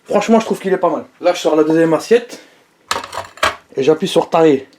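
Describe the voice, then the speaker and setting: A young man talks straight to his viewers as he reviews fast food. His voice sits a little on the high side, and he keeps it loose and slangy, joking with the camera as he goes. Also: animated, background noise. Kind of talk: casual food review vlog.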